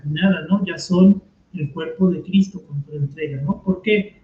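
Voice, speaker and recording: A man lectures in an easy, conversational way, asking and answering his own questions as he teaches. His voice sits high for a man. The sound is roomy and somewhat dull, like a lo-fi recording. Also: a little mellow. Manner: conversational, frequent rhetorical questions. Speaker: teacher leading a commented reading. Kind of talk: explanatory lecture.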